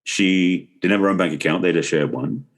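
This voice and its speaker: Speaking as a guest on a podcast, a middle-aged relationship expert and author explains ideas conversationally, frequently rephrasing. His voice is low-pitched and his pace a little fast.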